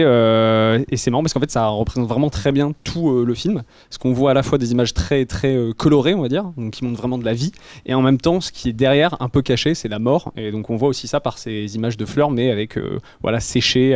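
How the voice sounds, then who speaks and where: A man with a French accent from France, giving a casual, halting film review as a columnist. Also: medium pitch, darkish tone, no echo. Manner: hesitant, halting explanation.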